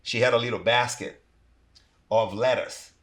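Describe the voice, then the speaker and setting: A middle-aged Brazilian man, a native Portuguese speaker, talks in English with a Brazilian accent as an athletic trainer guesting on a podcast. His medium-pitched, fairly bright voice moves unhurriedly with fairly even intonation. He rambles casually, packing his speech with "you know" and "like."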